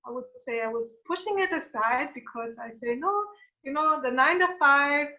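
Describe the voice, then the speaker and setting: A woman from Croatia, chatting as an interview guest and often pausing with fillers and restarts. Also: high-pitched, sharp tone, lo-fi sound. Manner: hesitant, many fillers and restarts. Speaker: guest entrepreneur. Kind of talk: casual interview conversation.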